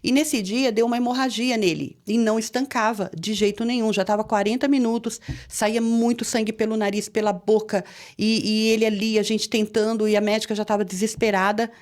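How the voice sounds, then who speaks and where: A woman's voice: fairly high pitch, steady tone, fairly quick, a little mellow. A woman pastor with a Brazilian Portuguese accent tells a personal testimony with earnest feeling, her voice rising when she relives the tense moments.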